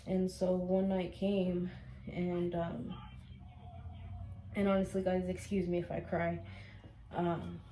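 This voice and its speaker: A woman's voice: lowish voice, little pitch movement, slow pace, long pauses, mellow, slight background noise, rough recording. A young woman telling a personal story to her viewers in a casual, rambling way, full of "um" and "like". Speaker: storytime vlogger.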